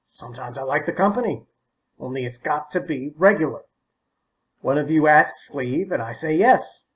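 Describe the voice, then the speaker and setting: A man's voice: medium pitch, natural voice, low-quality recording. A man doing a grumpy fussy old man. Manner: peevish and sputtering, with stammers. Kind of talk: audiobook character voice.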